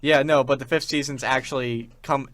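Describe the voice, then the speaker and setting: A young adult man co-hosts a podcast, chatting casually and rambling with a fan's enthusiasm. His voice is medium-pitched, steady and a bit bright, at normal speed, in a dry recording.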